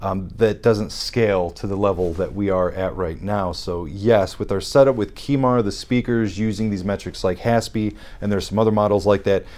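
Low-voiced man explaining technical testing. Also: fairly even intonation, darkish tone. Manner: measured, precise, explanatory. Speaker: guest audiologist. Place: dim studio set, seated in armchair.

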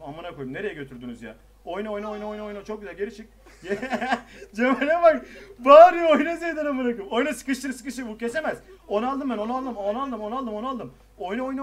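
A young man leading his party over voice chat in an online game, firing off rapid repeated commands, swearing and breaking into laughter. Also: sits high.

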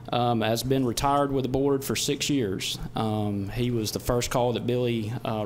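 A middle-aged man giving a measured, explanatory report at a podium microphone in a meeting chamber. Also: medium pitch. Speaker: utility general manager. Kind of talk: semi-formal spoken report at a public meeting. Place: indoor council chamber. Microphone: podium gooseneck microphone. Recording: background noise, room ambience.

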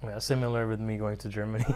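A young man in his twenties who grew up in Croatia, hosting a podcast and asking friendly, quick questions in an office lounge. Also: fairly low pitch, level tone, darkish tone. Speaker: podcast host. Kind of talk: podcast interview. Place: modern office lounge, indoors.

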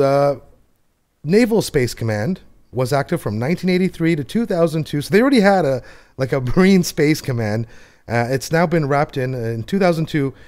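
A man's voice: mid-range voice, a little mellow. Upbeat joking podcast host, a man. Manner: upbeat, jokey, quick to laugh. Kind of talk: podcast hosting.

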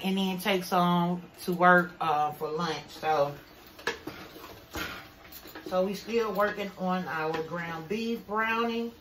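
A woman vlogger chats casually to her viewers while cooking in her home kitchen, calling them y'all, in a cook-with-me video. Her mid-range voice has a fairly bright tone. Someone else holds the camera, and there's a little hiss or hum.

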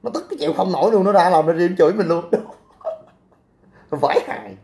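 A man's voice: sits high, racing, darkish tone. A young man, hosting a casual livestream, reading out comments and talking back in a brash, crude way. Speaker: livestream host.

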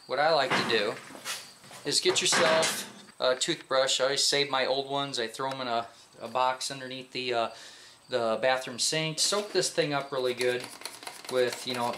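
In his home garage workshop, an American man in his forties gives an informal, hands-on mechanic's tutorial. He speaks at a medium pitch, conversational and instructive, often checking in with questions. The background is noisy.

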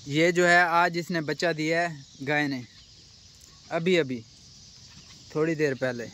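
A man's voice: on the high side, steady tone, slow, sharp tone, a little hiss or hum. A young man from Pakistan vlogging a casual walking tour of a cattle farm, guiding viewers and asking the workers questions. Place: outdoor rural cattle farm.

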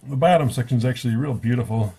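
A book reviewer sits at a table giving a casual, rambling spoken review, often correcting himself along the way. His mid-range voice is mellow with a breathy edge, and he talks fast in an offhand manner.

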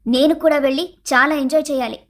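A high, piercing voice of a young cartoon wife, acted by a woman, forever discontented and demanding. She whines, taunts and shouts her complaints, scornful and self-pitying. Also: steady tone, fast, lightly acted. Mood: complaining. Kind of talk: animated cartoon story voice acting.

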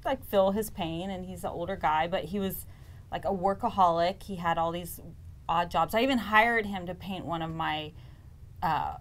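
A woman's voice: lowish voice, normal speed. A woman, a real estate agent, telling an earnest story on a studio panel show.

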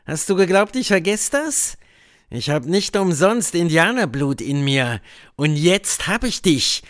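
A man reading an audiobook, voicing a bitter, vengeful grown man who accuses and threatens loudly. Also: on the high side, animated, measured pace, dry recording, studio quality, voice pushed up. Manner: loud, accusing, seething.

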